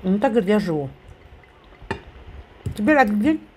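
A woman's voice: medium pitch, very animated, normal speed, a little mellow, a little hiss or hum. A woman eating on camera, chewing while she talks, who retells a friend's story and keeps putting in "she says". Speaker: mukbang vlogger.

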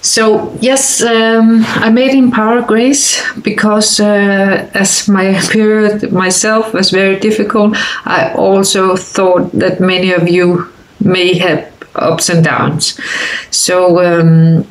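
Speaking slowly and flatly at a medium pitch, a vlogger in her fifties from Denmark talks casually to camera in her bedroom. Her Danish accent comes through, and she hesitates often, full of fillers and restarts. The recording quality is low.

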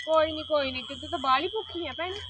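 A woman's voice: sits high, quick pace, sharp tone, slight background noise. Woman playing a brash, dismissive neighbour. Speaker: well-off neighbour in a family sketch. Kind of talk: improvised village drama.

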